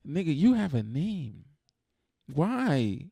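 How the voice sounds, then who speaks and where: Guy doing a reaction vid, rough fry in his voice, cussing and exasperated, dry sound. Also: on the high side, very animated, slow pace, mellow, no room sound. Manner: blunt, profane, exasperated. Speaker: reaction video host. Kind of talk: casual reaction rant.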